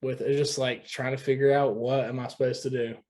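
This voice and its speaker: A man's voice: mid-range voice, little pitch movement, a little fast, a little mellow. A young man from West Virginia, a guest musician talking loosely in a casual podcast chat, often saying dude.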